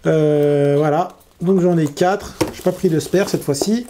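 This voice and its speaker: A man's voice: on the high side, measured pace, background noise. A man with a Parisian accent and a blocked nose, chatting in a casual drone-building vlog with many fillers and restarts. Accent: Parisian French. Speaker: FPV drone YouTuber.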